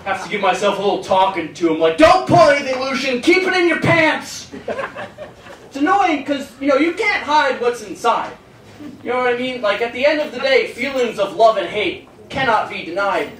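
High-voiced teenage male stand-up comic, roomy club. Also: expressive, a little fast, a bit bright. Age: eighteen. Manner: self-deprecating, awkward storytelling. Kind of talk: stand-up comedy routine. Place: small comedy club stage, indoors. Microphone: handheld stage microphone, recorded from the audience. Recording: roomy club sound, distant, some noise.

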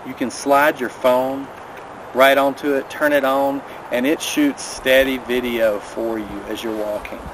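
A man in his thirties talks through hiking gear in a friendly, practical way, standing by a river in a mountain valley. The camera sits a few steps off, and clear outdoor noise runs behind his voice. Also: mid-range voice, flat delivery, unhurried. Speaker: vlogger. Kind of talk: casual outdoor gear rundown. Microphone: camera a few steps away.

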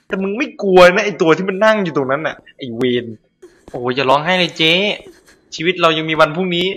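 A male gameplay host playing a horror game, loud and jokey, swearing and shouting at the characters on screen. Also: on the high side.

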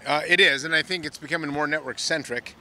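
A middle-aged man, an industry analyst, explaining in a measured way with occasional "uh"s, interviewed outdoors on a handheld mic. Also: a little high, fairly even intonation, sharp tone, slight background noise. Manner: measured, explanatory, some filler "uh"s. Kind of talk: on-site analysis chat. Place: outdoor plaza at a conference.

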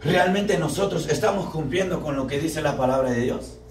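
Speaking at a moderate pace in a slightly high voice, a young man gives an impassioned sermon to a parish gathering, repeatedly posing rhetorical questions. The church hall recording is echoey, distant, and lightly noisy.

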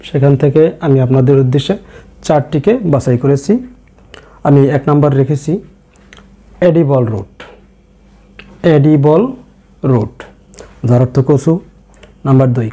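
Male teacher, very dark mellow voice, slow careful drilling of vocabulary. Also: mid-range voice. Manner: slow, repeats each word carefully. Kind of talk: vocabulary lesson narration.

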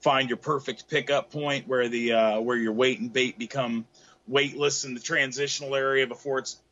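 A middle-aged man talks surf fishing technique as a guest expert on a casual video call from a tackle shop, often restarting and using fillers. He speaks at a steady tone and normal speed with a mid-range, pushed and bright voice, though the laptop webcam makes the audio dull.

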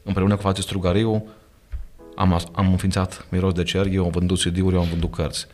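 A man's voice: sits low, little pitch movement, darkish tone. A man with a Romanian accent speaking as a pastor in a podcast conversation, earnest and emphatic, quoting scripture as he talks. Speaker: pastor and guest. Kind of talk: podcast conversation, preaching manner. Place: studio.

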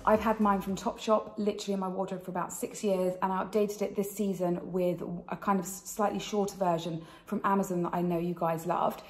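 A woman's voice: mid-range voice, flat delivery, fairly quick, hardly any pauses. A British woman in her thirties hosting a chatty fashion vlog, speaking with a slight impediment from the dental retainers she is wearing. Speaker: fashion channel host. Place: indoors in a kitchen. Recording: roomy kitchen echo.

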